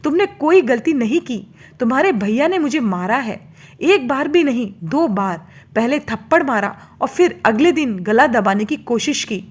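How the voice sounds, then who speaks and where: A woman voicing a hurt and angry young wife in a storybook tale, speaking in a sharp, raised, emotional way. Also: sits high, expressive, moderate pace, husky.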